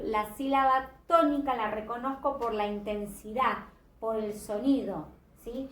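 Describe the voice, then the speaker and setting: A woman teacher explains a grammar lesson in a patient, measured way, stretching out example words. Her voice sits a little high. The recording rings in an echoey room, with clear noise in the background.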